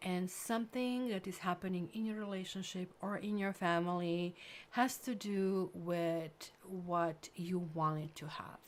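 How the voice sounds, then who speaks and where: Chatty woman, low-pitched. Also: a little slow, slight background noise. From Croatia. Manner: chatty, rambling, full of "like" and "kind of", lively bursts. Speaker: tarot reader. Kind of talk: casual tarot reading to camera.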